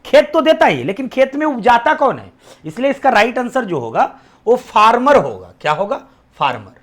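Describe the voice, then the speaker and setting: A man with an extremely high, sing-song voice, fairly bright in tone and moderate in pace, teaches an exam-prep lesson with a Bihari Hindi accent. He quizzes his students, repeats their answers back as questions, and drops almost to a whisper on them.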